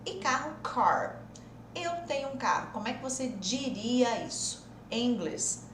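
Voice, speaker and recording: A woman's voice: fairly high pitch, normal speed, reverberant, slight background noise. A Brazilian woman teaching English in an online lesson, coaxing and explaining step by step. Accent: Brazilian Portuguese.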